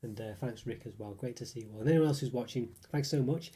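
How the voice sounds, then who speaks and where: Fast, warm and slightly rough, this man's medium-pitched voice belongs to a UK YouTube food reviewer. He has a cold that leaves him congested, and his live stream of snack reviews is casual and rambling, thick with hedges and fillers.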